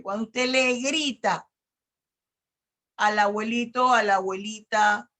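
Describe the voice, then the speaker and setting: Slow-speaking Panamanian woman professor. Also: medium pitch, fairly bright tone. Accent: Panamanian Spanish. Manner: explains by reading articles aloud and giving everyday examples. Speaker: law professor. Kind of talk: online law lecture.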